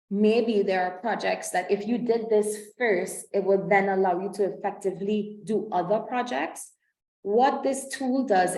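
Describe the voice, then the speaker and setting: A woman's voice: lowish voice, darkish tone, echoey room, poor audio. A woman from Trinidad and Tobago presenting a webinar, explaining a tool's features step by step with frequent ums and self-corrections. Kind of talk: online presentation walking through slides. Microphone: video call.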